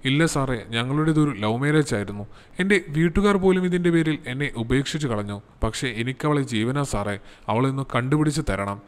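A man's voice: medium pitch, lively intonation, brisk, clean tone, natural voice. A man doing a choked, pleading young husband. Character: distraught young husband, wife missing.

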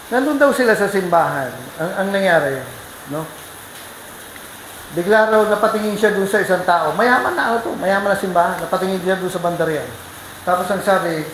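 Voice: medium pitch, brisk, echoey room, slight background noise, low-quality recording. A pastor preaching a sermon, telling a story with energy and keeping the congregation involved with questions. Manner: lively storytelling, keeps asking the congregation questions. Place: church.

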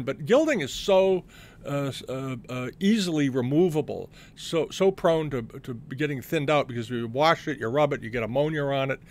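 A middle-aged man hosting an antiques show, talking casually through auction results with many fillers and restarts. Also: on the high side.

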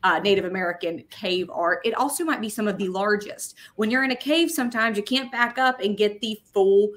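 A woman's voice: medium pitch, fairly quick, fairly bright tone. A young woman hosting a live web show, upbeat and leading the interview with recaps and questions over a video call. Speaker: host. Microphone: webcam on video call.

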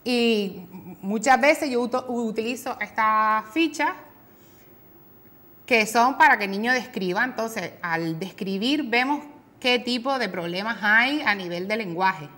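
A woman with a Canary Islands Spanish accent, a speech therapist explaining disorders in a patient, clear way on a talk show, sometimes imitating children's mispronunciations. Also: fairly high pitch, a little slow, sharp tone.

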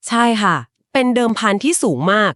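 Retelling a legend in a chatty storytelling style, this woman co-host of a podcast explains things at length, using polite particles and filler pauses. Her voice is fairly high and bright, with a sing-song lilt, recorded close and dry without echo.

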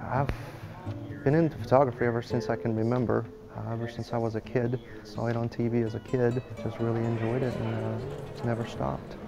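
Gravelly-voiced man, flat steady delivery. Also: mid-range voice, brisk. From Slovakia. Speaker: legislative photographer. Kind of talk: documentary interview. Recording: interview with music underneath.

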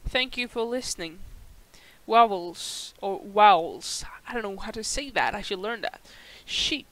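A woman from Turkey with a Turkish accent, a native Turkish speaker, reading a scripted accent demonstration with careful, deliberate enunciation. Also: mid-range voice, fairly bright tone, dry recording, low-quality recording.

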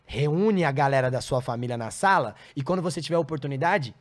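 A man's voice: fairly high pitch, expressive, fairly quick. A man telling blunt, profanity-filled stories in a casual podcast chat. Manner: blunt, profane, heated storytelling. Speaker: comedian guest.

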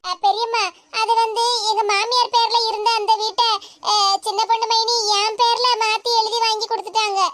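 A woman's voice: very high voice, little pitch movement, brisk, fairly bright tone, slight background noise. Woman doing a tearful young cartoon wife. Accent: southern Tamil, Tirunelveli-Kanyakumari dialect. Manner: tearful, pleading. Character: young daughter-in-law, sorrowful and mistreated. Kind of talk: animated cartoon voice acting.

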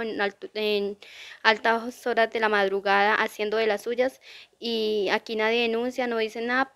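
A woman's voice: on the high side, a bit bright. A woman interviewed outdoors for a local news report, telling indignantly how her home was burgled. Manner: indignant, repetitive complaint. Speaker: burglary victim. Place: outdoors near a drainage channel.

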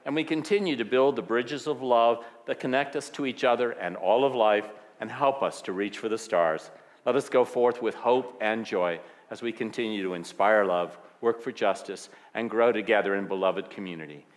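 A man leading a church service, reading the announcements and closing with a blessing in a gentle manner with light humor. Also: fairly low pitch, normal speed. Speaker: minister. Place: large church sanctuary. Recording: long hall reverb.

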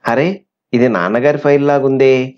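A man's voice: medium pitch, normal speed, natural voice. A man voicing an honest, brave young schoolboy in a plain reading voice. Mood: earnest. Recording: slightly muffled recording.

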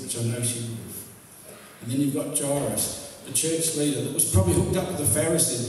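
A man's voice: medium pitch, dark tone, a little hiss or hum. Preacher man in an echoey church hall. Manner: storytelling, retells scenes vividly. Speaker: pastor. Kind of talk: sermon. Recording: echoey hall, distant mic.

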